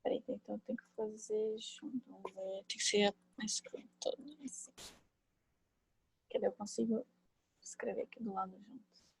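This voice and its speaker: A woman teaching a French class online, chatty and thinking aloud, with many fillers and quick tag questions, on a computer mic. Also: mid-range voice, steady tone, creaky, darkish tone, breathy edge, rough recording. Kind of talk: online class, explaining grammar.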